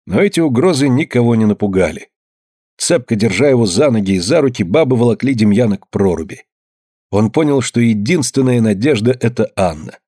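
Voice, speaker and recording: A man narrating an audiobook in a measured, grave storytelling manner. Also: medium pitch, animated, mellow, husky, no room sound, clean studio sound. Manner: measured, grave storytelling, slowing at somber moments.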